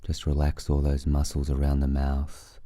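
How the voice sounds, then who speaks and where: A man leading a guided breathing meditation, giving soothing, unhurried instructions with long pauses between phrases. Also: very deep voice, monotone, mellow, no echo.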